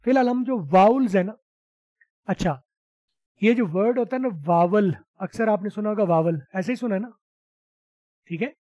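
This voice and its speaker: A man's voice: sits high, normal speed, pauses often, a little mellow, no room sound. A man teaching spoken English in an online class, patiently explaining and repeating sounds for students to copy. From Pakistan. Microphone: video call.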